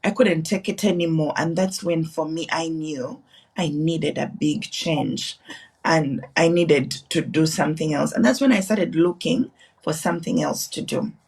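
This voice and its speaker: A woman's voice: deep voice, a little slow, gravelly, a little mellow, breathy edge, recorded from a distance. A woman from Uganda in her thirties, telling her story earnestly as an interview guest, with restarts and repeats. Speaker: guest, nurse and business owner. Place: online live broadcast.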